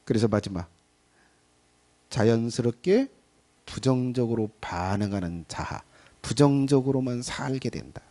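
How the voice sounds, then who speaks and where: Middle-aged male pastor, chatty and animated preaching, acts out small scenes, voice rising and falling a lot. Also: mid-range voice, a little slow, long pauses. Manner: animated and conversational, acting out little scenes. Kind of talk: sermon. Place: church sanctuary.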